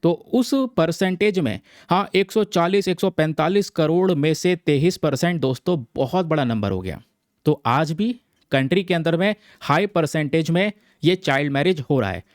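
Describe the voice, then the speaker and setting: A man's voice: a little high, expressive, normal speed, no room sound, clean studio sound. A man teaching exam students, explaining a newspaper article in a chatty way, mixing English terms into his talk and often checking in with viewers. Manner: chatty, addresses viewers as friends, repeats "theek hai"; mixes English terms into Hindi.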